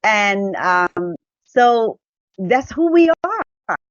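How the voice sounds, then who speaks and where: A middle-aged woman from Vietnam with a Chinese-Vietnamese accent tells her personal story as a podcast guest, talkative and often correcting herself. Her medium-pitched voice is sing-song, drawing out words. The recording has no echo, and the highs are cut off.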